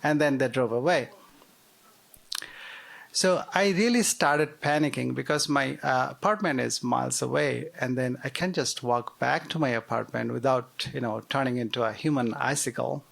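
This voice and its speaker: A man's voice: medium pitch, normal speed, gravelly, fairly bright tone. A man in his forties from Bangladesh with a Bangladeshi accent, telling a live story on stage with wry, self-deprecating humor and frequent fillers. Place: theater stage before a live audience.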